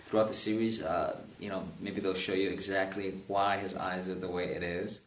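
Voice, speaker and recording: A young man, an actor, chatting in an interview, halting and often repeating his words. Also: deep voice, little pitch movement. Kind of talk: casual interview chat. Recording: echoey room, distant mic, faint hiss.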